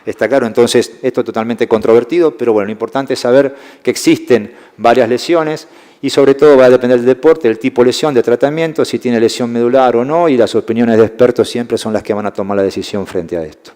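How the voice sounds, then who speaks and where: A man's voice: mid-range voice, fast, dark tone. Argentine man lecturing in a reverberant hall. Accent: Rioplatense Spanish. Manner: explanatory, keeps checking in with "¿eh?" and "fíjense". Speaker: sports medicine lecturer. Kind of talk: classroom lecture to young referees.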